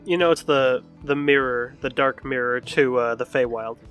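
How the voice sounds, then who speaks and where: A man running a tabletop game as game master, explaining rules in a relaxed, teasing way. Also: mid-range voice, normal speed, over music.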